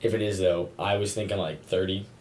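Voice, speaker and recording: An eighteen-year-old man hosting a podcast, asking questions in casual chat with lots of fillers. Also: deep voice. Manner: animated, fast, full of fillers. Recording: echoey room, faint noise.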